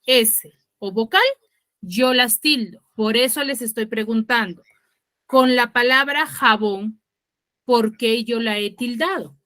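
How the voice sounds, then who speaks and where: A woman teacher explaining over a video call, often checking understanding with quick tag questions and correcting herself mid-sentence. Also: fairly high pitch, fairly bright tone, no echo, clean studio sound. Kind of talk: online class explanation.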